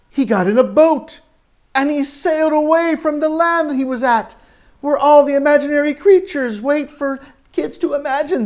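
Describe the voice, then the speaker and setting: Like a teacher with a picture book, a man reads a story to young children at a slow pace, his pitch swinging widely. He is expressive and animated, adding exclamations and asides, including questions aimed at his young audience.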